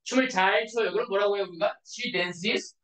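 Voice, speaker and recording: A woman's voice: mid-range voice, normal speed, a bit bright. A woman teaching an English grammar lesson in Korean to a class, constantly checking with her students through short questions. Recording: echoey classroom from far off.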